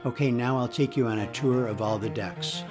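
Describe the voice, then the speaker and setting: A man narrating a travel video in a steady, informative scripted voice-over. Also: medium pitch, moderate pace, loud music behind the voice. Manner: even, informative. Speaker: travel vlogger.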